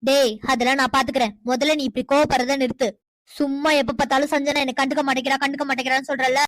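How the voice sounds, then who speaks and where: A high, quick-talking cartoon mother, as a woman plays her, bossy and scheming, scolding her grown son in a commanding tone. The recording is dry and close. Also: little pitch movement, no room sound, lightly acted. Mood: domineering. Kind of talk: cartoon voice acting.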